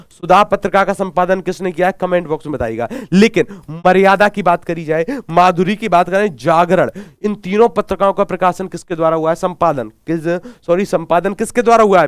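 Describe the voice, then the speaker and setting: A man's voice: a little high, clean tone, no room sound, studio quality. A man teaching a live online Hindi exam class, asking questions and repeating answers, urging viewers to comment. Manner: drills answers with repeated questions and call-backs.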